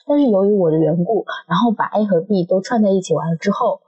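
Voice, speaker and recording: A woman co-hosting a podcast in casual chat, telling stories in an animated way and laughing often. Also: mid-range voice, fast talker, husky, highs cut off. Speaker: podcast co-host.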